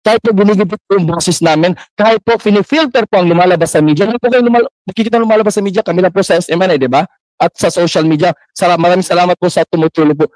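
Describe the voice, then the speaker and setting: A man's voice: sits high, rapid-fire, darkish tone, no echo, low-quality recording. A man, a church minister, giving impassioned, deferential testimony at a formal public hearing. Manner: impassioned, deferential, heavy use of polite particles.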